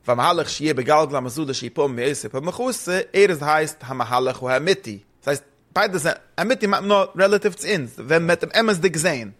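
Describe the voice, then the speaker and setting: A man talks through a text in a quick, rambling way, jumping between languages as he explains. His voice sits a little high and he races along. It sounds like an informal study session. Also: animated, a bit bright. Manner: rambling, fast, mixes German with Hebrew and English terms. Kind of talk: casual study discussion.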